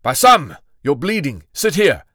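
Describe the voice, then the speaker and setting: A man's voice: a little high, big pitch swings, measured pace, sharp tone, no echo, pitched above the performer's own voice, full character voice. A man voicing a stern male leader who snaps curt orders, recorded dry and close. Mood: commanding.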